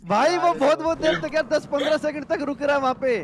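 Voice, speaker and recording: A man's voice: very high-pitched, fast talker, noisy background. A man in casual gaming banter, exasperated with friends. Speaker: fellow player.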